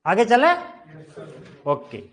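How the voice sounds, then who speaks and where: A man's voice: high voice, wildly swooping pitch. A man teaching a classroom lesson on correct word spelling, repeating each word and checking that students follow. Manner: explains slowly, repeats words, checks with 'clear?'.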